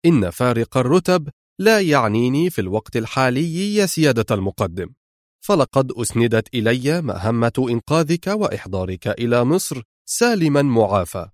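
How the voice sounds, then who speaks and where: A man voicing a calm, resolute young officer. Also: mid-range voice, brisk, no room sound, clean studio sound, close to an everyday voice. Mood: firm. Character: cool, firm, clever young male army lieutenant.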